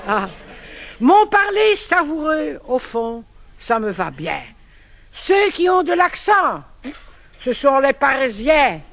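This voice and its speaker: A man's voice: very high-pitched, huge pitch swings, slow pace, vocal fry, a bit bright, a faint crowd. A man with a Brussels accent performing a comic sketch, proudly declaiming verse about his accent.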